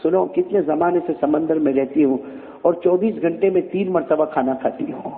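A man's voice: a little high, normal speed, pitched below the performer's own voice, lightly acted. A man voicing a greedy female fish that is never full, complaining reproachfully in a parable told during a sermon. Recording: phone-like echoey hall recording.

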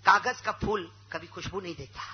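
A man's voice: high voice, moderate pace. A man, a religious speaker, telling humorous stories in a sermon and prompting his audience to answer back. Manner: animated, calls for audience replies. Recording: muffled lo-fi recording with hum.

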